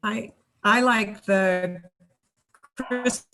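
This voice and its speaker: Woman, committee member, bright voice on a call that keeps cutting out, brief plain delivery. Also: medium pitch, extremely slow, faint music behind. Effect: breaking-up call audio that cuts out. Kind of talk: casual meeting talk.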